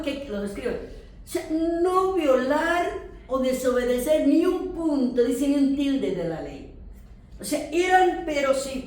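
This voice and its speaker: A woman pastor with a Mexican accent, teaching a church class in a lively storytelling way and speaking straight to her listeners. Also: high-pitched. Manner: animated storytelling, addressing listeners directly. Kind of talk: sermon-style teaching with testimony. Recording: very echoey room, distant mic.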